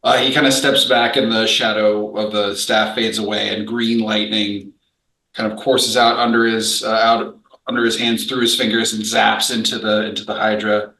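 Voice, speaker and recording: Bright-voiced man in an echoey room. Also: on the low side, little pitch movement, normal speed, recorded from a distance. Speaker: player. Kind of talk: describing his character's action in a tabletop game.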